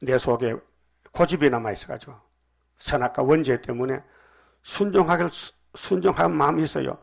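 Gravelly man preaching a sermon. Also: on the high side, normal speed. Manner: preaches with rising emphatic bursts and many "어" fillers. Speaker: pastor.

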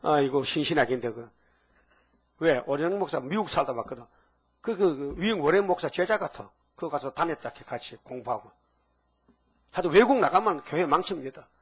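A man's voice: on the high side, expressive, a little fast, slightly rough. An older man preaching a sermon, full of rhetorical questions. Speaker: pastor.

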